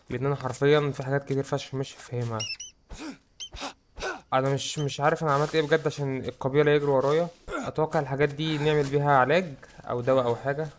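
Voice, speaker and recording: A young man with an Egyptian Arabic accent, giving excitable let's-play commentary and joking about how scared he is. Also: on the high side, slight background noise. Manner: excitable, jokes about his own fear. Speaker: gaming YouTuber.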